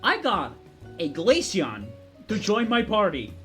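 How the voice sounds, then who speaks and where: A young man with a high, youthful, androgynous voice, rambling passionately and swearing freely in casual gaming chat. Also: wildly swooping pitch, unhurried, a bit bright. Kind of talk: casual chat about video games. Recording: background music behind the voice. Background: music.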